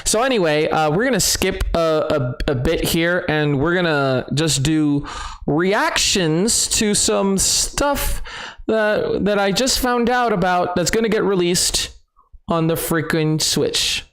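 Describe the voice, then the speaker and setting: A man hosting a live gaming stream, chatting with viewers, excitable, laughing often and repeating himself. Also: high-pitched, slow pace. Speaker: streamer host. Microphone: desk microphone.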